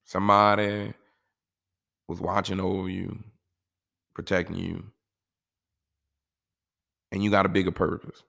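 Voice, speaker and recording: A man's voice: deep voice, completely flat delivery, measured pace, gravelly, pauses often, bright, forceful tone. A man talking casually and giving life advice in a laid-back, rambling way, often saying "you know".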